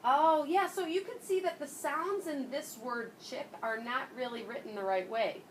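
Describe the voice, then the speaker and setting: A high-voiced woman leads a class discussion with young children. She has an encouraging kindergarten-teacher manner, prompting with questions and echoing back what she is told. She is recorded from a distance, with some classroom noise behind her. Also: normal speed. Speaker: early grade teacher leading class discussion. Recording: noisy classroom, picked up from far off.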